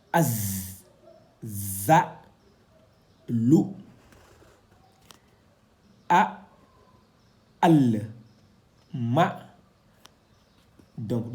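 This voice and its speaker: A man teaching a Quran reading lesson, sounding out syllables one at a time and explaining with frequent pauses. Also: medium pitch, mellow.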